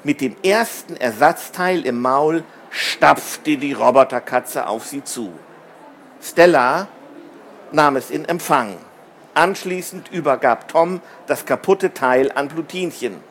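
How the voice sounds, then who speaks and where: A man reading a children's story aloud in an expressive, measured way. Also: a little high, a little hiss or hum. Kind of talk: scripted narration of a children's story.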